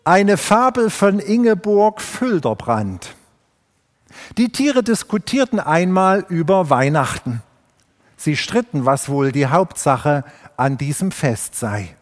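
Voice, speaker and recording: A pastor delivers his sermon slowly and deliberately. His voice sits a little high for a man. A long church reverb trails behind every phrase. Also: sing-song. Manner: measured, unhurried pulpit delivery.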